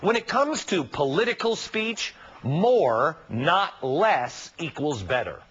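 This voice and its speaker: A man's voice: a little high, very animated, slow, a bit bright, husky. A man hosting a TV commentary show, talking emphatically and sarcastically, full of rhetorical questions. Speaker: TV commentary host. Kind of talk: opinion monologue and interview. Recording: dull lo-fi broadcast audio.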